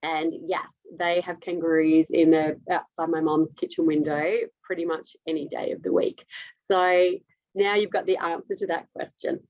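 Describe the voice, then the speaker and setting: A woman's voice: lowish voice, flat delivery, normal speed, no echo, highs cut off. An Australian woman, a dietitian, giving a live webinar presentation over a video call in an upbeat, direct, chatty way.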